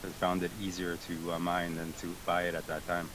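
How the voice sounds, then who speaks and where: Over a noisy voice chat call, a man born in Greece who works on a tech support team answers interview questions as a guest. He speaks briskly in a low, monotone voice, hesitating often and restarting amid many fillers.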